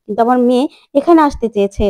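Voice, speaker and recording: A woman voicing an angry, protective middle-aged mother who snaps back fast. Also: on the high side, animated, lightly acted. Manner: fast, sharp, refusing.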